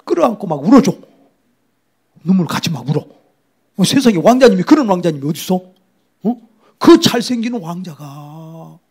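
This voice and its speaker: A middle-aged male pastor preaching with a high, lively voice that swings widely in pitch. His tone is gravelly and husky, and he tells the story dramatically, sometimes dropping to a whisper. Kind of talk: sermon.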